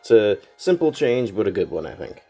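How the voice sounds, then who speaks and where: Speaking a little fast with a lowish, breathy-edged voice, a man gives a casual review of a toy set while faint music plays behind him. He's congested and slightly nasal from a cold, and he rambles easily with many fillers.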